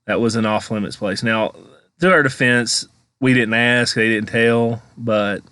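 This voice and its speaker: A man's voice: medium pitch, a little slow, bright, forceful tone, smooth, no room sound. An American man giving a casual, chatty voice-over as a vlogger, rambling informally as he comments on exploration footage.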